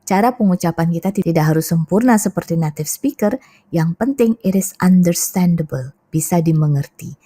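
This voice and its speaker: A woman with an Indonesian accent teaching English pronunciation, patiently explaining each word and then saying it slowly. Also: on the low side, dark tone. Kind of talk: pronunciation lesson.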